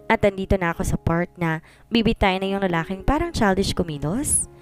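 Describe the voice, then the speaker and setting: A woman narrating a romance story in a chatty way, mixing English into her telling. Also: mid-range voice. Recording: faint background music.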